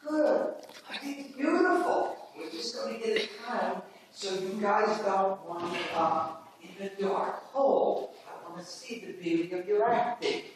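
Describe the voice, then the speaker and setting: A man's voice: high voice, lively intonation, a little slow. A man directing actors at a rehearsal, encouraging and hands-on, often repeating himself. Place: rehearsal stage. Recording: echoey room from far off, background noise.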